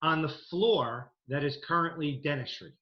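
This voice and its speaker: A man in his fifties from New Jersey, a dental program director, talks earnestly about his career in a slightly high voice. His speech is full of fillers and restarts. The video-call audio sounds roomy and muffled. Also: moderate pace, a crowd in the background. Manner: earnest, enthusiastic storytelling with many fillers. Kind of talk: interview over video call.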